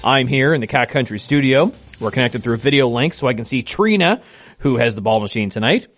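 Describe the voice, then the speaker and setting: Guy doing bingo caller announcements live on local radio, medium pitched voice. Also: expressive, fairly bright tone. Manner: bingo caller, repeating each number deliberately. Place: radio studio.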